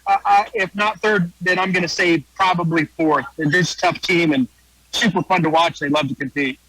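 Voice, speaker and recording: A man's voice: fairly high pitch, moderate pace, pushed and bright, dry recording, poor audio. An American man giving a folksy, casual sports preview as a guest wrestling analyst, repeating phrases for emphasis.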